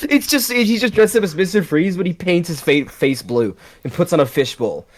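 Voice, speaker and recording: A man co-hosting a podcast, talking in an excited, rambling way and laughing often. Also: sits high, normal speed. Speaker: podcast co-host. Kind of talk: casual podcast chat.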